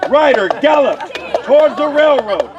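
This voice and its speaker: A man's voice: very high-pitched, lively intonation, normal speed, dull audio, crowd noise, background noise. A man narrating a melodramatic tale in a theatrical storybook style.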